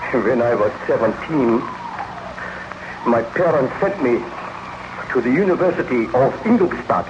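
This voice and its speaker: An actor playing a remorseful baron and scientist confessing his crimes, declaiming solemnly in 1930s radio horror style. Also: a little high. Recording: dull, noisy old 1930s radio recording.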